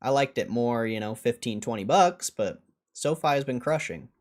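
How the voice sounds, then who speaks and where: A man with a medium-pitched voice hosts a livestream at a moderate pace. He answers chat casually, bluntly and dismissively, swearing now and then.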